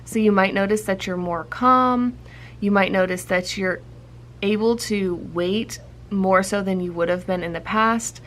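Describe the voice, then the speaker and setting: A woman's voice: mid-range voice, a little slow, a bit bright. A woman speaking as a fortune teller, giving an unscripted tarot reading straight to the listener in a reassuring manner. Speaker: tarot card reader. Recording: clear background noise and ambience.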